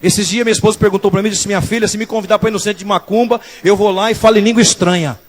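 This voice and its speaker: A male pastor from São Paulo preaching a sermon in church, with loud rising bursts and quieter asides. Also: high voice, steady tone, very fast. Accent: Brazilian Portuguese, São Paulo.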